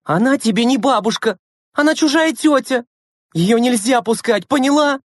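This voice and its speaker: A woman's voice: fairly low pitch, expressive, brisk, darkish tone, slightly rough, no room sound, clean studio sound, voice pushed up. A woman reading a storybook and voicing a stern, weary teenage older sister who scolds her siblings. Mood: scolding. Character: harried older sister, teen girl, stern and tired.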